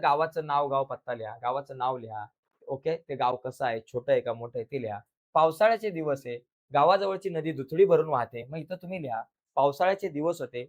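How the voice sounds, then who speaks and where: A man teaching an exam revision lesson in a Marathi accent, telling a story dramatically with sound effects and cries, then giving calm writing instructions. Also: on the high side.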